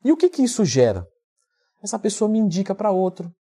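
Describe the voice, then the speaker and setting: Man from Brazil, fitness coach, vlog storytelling, mellow tone, husky. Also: sits high, a little fast. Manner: animated storyteller who acts out quoted dialogue.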